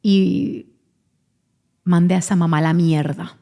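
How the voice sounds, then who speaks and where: A woman's voice: lowish voice, steady tone, measured pace, creaky, warm tone. A woman hosting a podcast, telling a painful personal story frankly and openly, with restarts as she goes. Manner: frank, confessional, openly vulnerable; rambling restarts while recounting. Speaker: podcast host; mother of twins.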